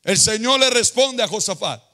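A man preaching a sermon as pastor, impassioned, rising into chanted, shouted peaks. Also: high voice, lively intonation, moderate pace.

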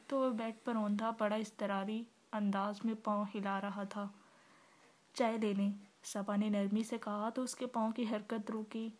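A woman narrating a romance novel aloud in a steady, even reading voice. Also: mid-range voice.

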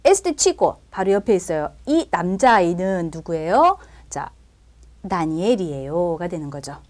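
Woman language teacher with a lively, up-and-down voice, patient and step-by-step. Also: fairly low pitch, unhurried. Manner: explains step by step, often checks with "그죠?". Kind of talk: recorded language lesson.

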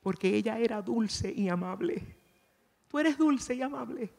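A woman's voice: fairly high pitch, expressive, measured pace, vocal fry, darkish tone. A woman giving a chatty, playful sermon at a conference, often asking her audience questions. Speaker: conference speaker. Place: church conference hall. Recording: long reverb of a large hall.

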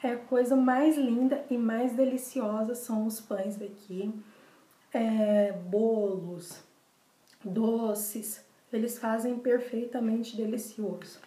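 A woman's voice: fairly high pitch, fairly even intonation, slow, dark tone. A young adult woman with a Brazilian accent, chatting casually to camera as a video blogger and repeating words for emphasis. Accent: Brazilian Portuguese. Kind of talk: casual vlog to camera, showing desserts. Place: small bare room indoors. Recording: echoey small room.

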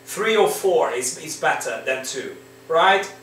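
Teaching an English exam class from his living room, this man, a Hungarian speaker from Romania, is expressive and slow, coaxing students and repeatedly asking "right?" to check in. His pitch is a little high and his tone fairly bright. The laptop or camera in front of him records from a distance, leaving an echoey room sound and a faint background hum.

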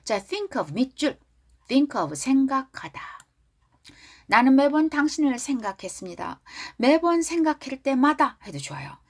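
Breathy woman teaching song pronunciation. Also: sits high, sing-song. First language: Korean. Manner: slow drawn-out model phrases, then quick explanations. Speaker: English teacher. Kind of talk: pop song pronunciation lesson.

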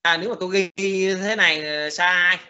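Halting male programming lecturer, bright lo-fi voice. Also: high-pitched, fairly even intonation. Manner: halting, many fillers and restarts. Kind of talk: recorded lecture.

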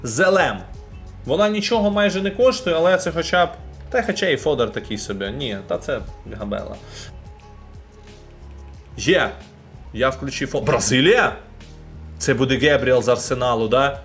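A man's voice: mid-range voice, moderate pace, long pauses, faint music behind. A young man from Ukraine casually commenting live while opening game packs and talking to his chat. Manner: chatty, animated, talks to chat.

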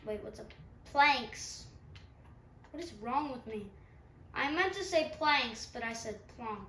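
Woman, stuffy nose, high-ish voice, unhurried, rambling game commentary, roomy room, mic set back. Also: animated, a bit bright. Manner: chatty, rambling, self-mocking. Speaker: gaming channel host. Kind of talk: let's-play commentary. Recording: roomy, distant mic, faint background hum.

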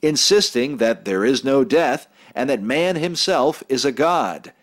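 A man's voice: medium pitch, animated, unhurried. A man giving scripted documentary narration in a grave, disapproving tone.

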